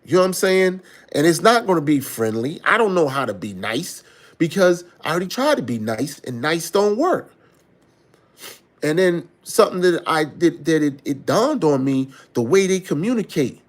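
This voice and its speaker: A man tells a story in a loose, conversational way, often checking in with his listener. His voice sits a bit high and swings widely as he gets animated. He acts out the back-and-forth of past conversations as he goes. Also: normal speed. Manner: animated, acts out quoted conversations, frequent "you know what I'm saying". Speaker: vlogger. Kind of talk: casual storytelling monologue.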